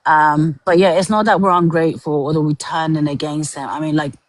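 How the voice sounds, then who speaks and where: A woman's voice: low voice, fairly even intonation, brisk, no echo, low-quality recording. A woman from Iran, a guest on a livestream, who speaks earnestly, laughs often and hedges her points. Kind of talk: political debate on a livestream.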